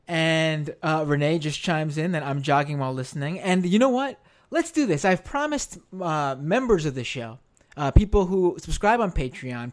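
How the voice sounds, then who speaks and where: An American man with a hoarse, worn-out voice hosts a live stream, talking casually and haltingly, repeating phrases for emphasis. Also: on the high side. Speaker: live stream show host.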